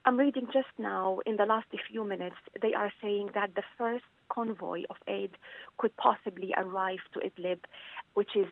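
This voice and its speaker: A woman from Syria talks earnestly down a narrow, tinny phone line, her voice carrying a gravelly fry. She speaks haltingly and often restarts her phrases as a journalist guest on a radio show. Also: medium pitch, steady tone, dry recording.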